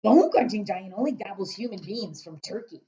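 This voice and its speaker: Storybook giant, played by a woman: huge, boastful male, loud and booming, raised lively pitch, muffled recording. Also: a little fast, lightly acted. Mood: gleeful, boastful. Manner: emphatic, shouting, mangled grammar and invented words. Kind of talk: children's storybook read-aloud.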